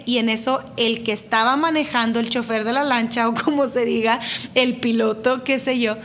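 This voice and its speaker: A woman's voice: a little high, moderate pace, a little hiss or hum. A woman, casually telling a personal story to camera, dramatic and self-mocking, repeating phrases for emphasis. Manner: lively, dramatic retelling with self-deprecating laughs.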